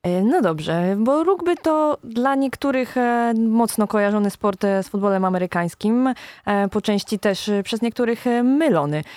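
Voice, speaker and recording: A woman's voice: a little high, expressive, moderate pace, darkish tone, dry recording. A young woman hosting a student radio interview, asking long questions full of hesitations. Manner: hesitant, many fillers. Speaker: radio host.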